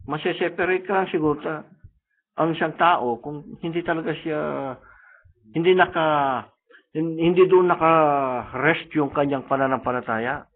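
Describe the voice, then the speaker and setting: Male preacher, fervent sermon delivery, husky high voice, tinny phone-like stream sound. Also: steady tone, moderate pace. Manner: earnest, fervent preaching with frequent restarts.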